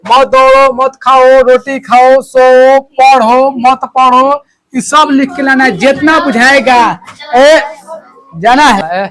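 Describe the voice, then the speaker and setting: A male teacher, teaching English to a classroom in loud, repetitive drills and often checking that students understand. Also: extremely high pitch, steady tone, takes it slowly.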